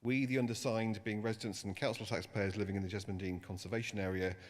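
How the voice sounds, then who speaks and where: A male city councillor, stepping in for a colleague, reading a residents' petition in a brisk, formal way. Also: lowish voice, fairly even intonation. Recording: council chamber with long reverb.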